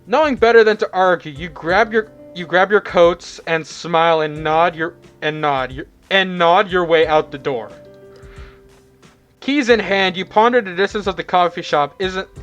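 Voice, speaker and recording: A man's voice: sits high, a little slow, fairly bright tone, muffled recording, faint music behind. A man narrating a fan visual novel aloud, often stumbling and rereading words, with chatty asides. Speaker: narrator reading a fan game.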